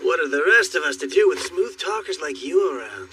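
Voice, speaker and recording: A brash, shouting young spearman. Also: a little high, expressive, a little fast, slightly rough, heavily acted. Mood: boisterous. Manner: loud, shouting, teasing. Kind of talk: anime English dub. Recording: distant voice under loud score.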